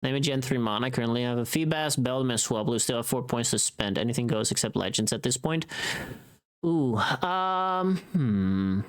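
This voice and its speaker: This livestreamer, also a voice actor, has a clear, resonant mid-range voice that's animated and moves at a normal speed. While working, they chat casually, ramble, hum, and mutter to themself.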